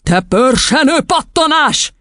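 A man's voice: extremely high pitch, animated, bright, forceful tone, dry recording, clean studio sound, pitched above the performer's own voice, full character voice. A man playing a roaring tyrannical headmistress. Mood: bellowing. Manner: roaring, insulting, threatening. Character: brutal bellowing headmistress, huge and tyrannical. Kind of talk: audiobook reading.

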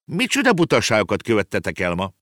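A man's voice: on the low side, huge pitch swings, a bit bright, dry recording, clean studio sound. A man voicing a prim, worried middle-aged mother who fusses and speaks sternly in a storybook reading. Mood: fussing. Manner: stern, fussing.

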